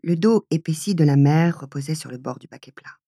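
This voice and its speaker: A woman narrating a literary audiobook in a measured, clear storytelling manner. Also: sits low, animated, warm tone, no echo, clean studio sound. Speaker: audiobook reader.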